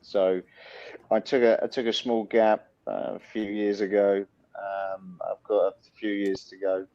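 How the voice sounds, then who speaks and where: A man's voice: fairly low pitch, unhurried, no echo, lo-fi sound. A man in his late thirties, a guest on a panel chat, answering plainly and hesitantly. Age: 30s. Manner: plain, hesitant, flat delivery. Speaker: guest, company CEO.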